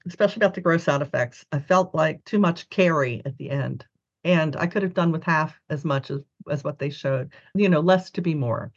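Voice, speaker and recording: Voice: mid-range voice, slightly rough, highs cut off. A co-host discussing a film in an agreeable, conversational way.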